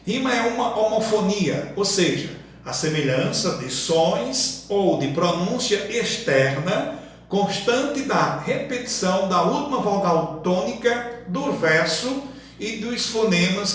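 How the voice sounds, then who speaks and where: A man giving a slow lesson, listing example words one by one and explaining each. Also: sits high, expressive. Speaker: workshop teacher. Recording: echoey room from far off, faint noise.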